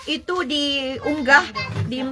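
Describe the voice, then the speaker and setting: A woman's voice: high voice, very slow, bright, forceful tone, slight background noise. A woman hosting a live stream outdoors in a village, passionately rallying her viewers. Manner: impassioned, rallying viewers directly. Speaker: live-stream host, citizen reporter. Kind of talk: live-streamed on-location talk. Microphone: phone live stream.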